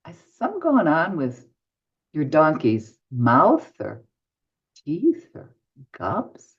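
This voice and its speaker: A medium in her older years appears on an interview show, telling anecdotes and acting out each side of the conversations. Her low voice swoops wildly in pitch, and she speaks slowly. The podcast audio sounds dull and lo-fi.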